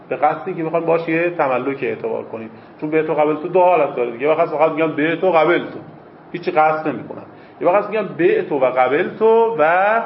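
A man teaches a seminary class at a raised, fairly high pitch, asking rhetorical questions and answering them himself. The recording is roomy and echoey, with a dull lo-fi tone and faint background noise. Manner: repeats key phrases for emphasis. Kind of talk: lecturing on Islamic jurisprudence.

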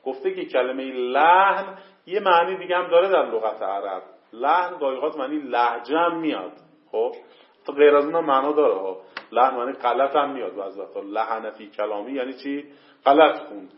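A man teaching a seminary class, reading out Arabic passages and explaining them, with pauses and questions to his students. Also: mid-range voice. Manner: hesitant fillers, questions to the class. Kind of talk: classroom lecture on a legal text. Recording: dull lo-fi classroom recording.

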